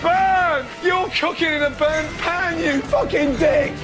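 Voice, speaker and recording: A man voicing a furious head chef, shouting foul-mouthed insults and orders at kitchen staff. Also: very high-pitched, lively intonation, moderate pace. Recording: music behind.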